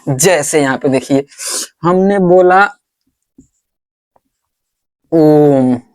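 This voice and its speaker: A man teaching a board lesson, asking the class questions and answering them himself, and repeating words slowly as he writes. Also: high-pitched.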